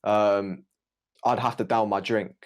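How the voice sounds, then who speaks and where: Easygoing young podcast host. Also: male voice, on the low side, steady tone. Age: young adult. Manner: easygoing, quick retelling with laughs. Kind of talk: casual chat.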